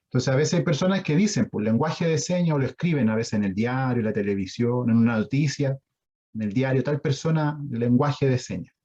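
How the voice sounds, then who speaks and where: Husky Chilean man teaching online. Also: mid-range voice, fairly quick, mellow, muffled recording. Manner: explanatory, asks the audience questions. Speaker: sign language instructor. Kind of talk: online lecture.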